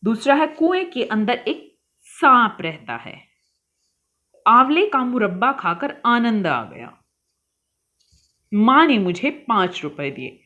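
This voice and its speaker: A woman teacher going through a worksheet with young children, calling them beta and reading each word slowly and carefully. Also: on the high side, very animated, bright, forceful tone, muffled recording.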